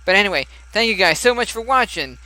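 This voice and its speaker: Chatty high-voiced young man gaming. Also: expressive, fast, sharp tone, no room sound, low-quality recording. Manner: chatty, laughs often, muses aloud. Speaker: let's play gamer. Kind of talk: casual game commentary.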